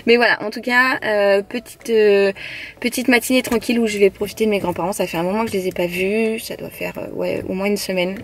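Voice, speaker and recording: A young woman talks to her camera at home in a loose, chatty way. She rambles and restarts her sentences often, filling the gaps with little hesitations. Her voice sits at an ordinary middle pitch. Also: steady tone, a little fast. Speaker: vlogger. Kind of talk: casual chat to camera.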